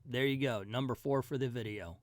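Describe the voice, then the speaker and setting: A man's voice: medium pitch, brisk, no echo, studio quality. A middle-aged man hosting a comic book review channel, giving a casual ranked countdown in a folksy, colloquial way with emphatic asides.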